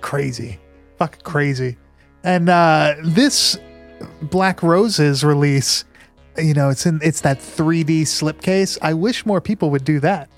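A man's voice: on the high side, slow, faint music behind. A man chatting casually as a podcast co-host, emphatic and repetitive, with lots of slang and swearing. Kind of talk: casual chat about horror movies.

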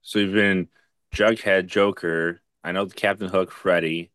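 A man's voice: low-pitched, steady tone, measured pace, a bit bright, no room sound, clean studio sound. A man hosting a casual podcast interview, talking in a chatty, enthusiastic way. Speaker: podcast host.

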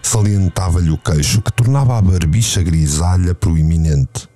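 A man narrating a novel as an audio drama, telling it in a measured, dramatic way. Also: deep voice, dark tone.

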